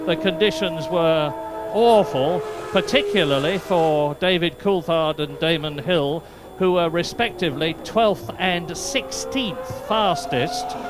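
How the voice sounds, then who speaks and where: A man giving brisk, informative live motor racing commentary from a commentary box. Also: high-pitched, background noise. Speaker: lead race commentator. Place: commentary box at a race circuit.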